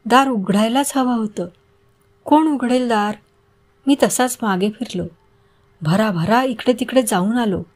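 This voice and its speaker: A woman narrating an audio story in the first person, with a measured, reflective reading. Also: a little high, a little mellow.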